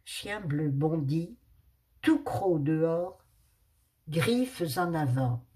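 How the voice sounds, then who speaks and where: Woman slowly reading a children's story. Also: low voice. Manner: expressive, unhurried storytelling.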